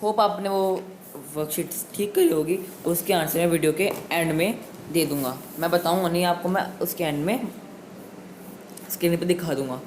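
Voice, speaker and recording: A man's voice: fairly high pitch, moderate pace, a little mellow. A man teaching a grammar lesson online, patient and repetitive, sounding words out again and again. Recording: echoey room with faint noise.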